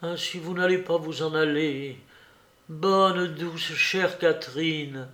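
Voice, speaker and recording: A man's voice: a little high, bright, forceful tone. A man voicing a frail, whimpering young man. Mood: terrified. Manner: breathless, halting, whimpering pleas. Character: sickly cowardly young man, fearful, pleading. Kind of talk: audiobook character reading.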